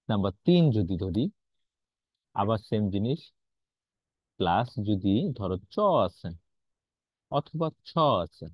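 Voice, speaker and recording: A man's voice: mid-range voice, dry recording. A man teaching grammar in an online class, explaining patiently and quizzing his students as he goes. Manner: explains patiently, asks students questions, mixes in English words. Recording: dull lo-fi online class audio.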